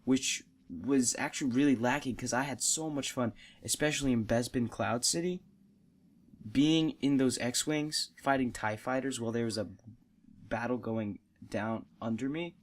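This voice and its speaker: A young man chats on a homemade gaming podcast. He gives long opinions with easy enthusiasm and breaks into laughs now and then. His voice sits at an ordinary middle pitch. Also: normal speed. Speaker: podcast host. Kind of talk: casual gaming podcast chat.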